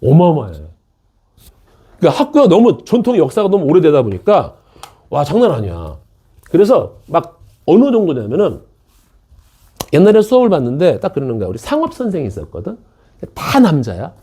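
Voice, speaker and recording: Middle-aged male tutor, chatty storyteller, very lively pitch, husky tone. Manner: chatty, animated, acts out quoted teachers. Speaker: math tutor. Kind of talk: casual storytelling to students. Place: small classroom.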